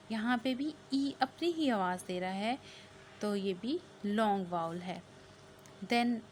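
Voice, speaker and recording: Slow, deliberate woman teaching phonics. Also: mid-range voice. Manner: slow, drawn-out word-by-word teaching. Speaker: English teacher. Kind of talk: classroom phonics lesson mixing English and Hindi. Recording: faint background noise.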